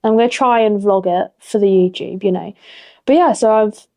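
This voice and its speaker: Giggly young woman, warm tone. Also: mid-range voice, moderate pace, gravelly. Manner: giggly, friendly, chatty. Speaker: podcast guest, archer. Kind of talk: casual chat.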